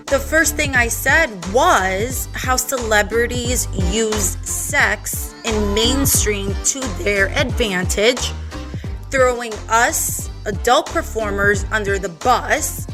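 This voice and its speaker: A young adult woman with a Valley Girl accent hosting a podcast, talking in a sassy, profane, sing-song way and slipping into playful quoted voices. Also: a little high. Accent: Californian Valley Girl. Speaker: podcast host. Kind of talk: casual monologue.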